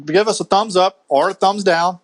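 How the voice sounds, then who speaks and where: The rough recording captures a podcast host whose voice sits high and moves at normal speed. Over a video call he chats in an easygoing way, laughing a lot and frequently restarting what he's saying.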